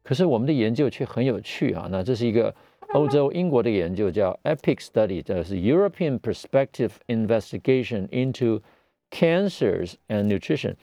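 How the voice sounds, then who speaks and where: A middle-aged man with a Taiwanese Mandarin accent hosts a live radio health talk as a physician, explaining in a measured way with pauses and speaking through a face mask. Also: medium pitch, lively intonation, dark tone, no room sound, clean studio sound. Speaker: radio show host and family physician. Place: radio studio.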